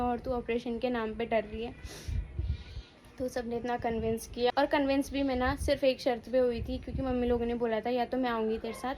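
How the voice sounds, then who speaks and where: A woman's voice: a little high, dark tone, slight background noise, rough recording. A young woman vlogging and tearfully telling her own story, often repeating herself. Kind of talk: emotional personal vlog.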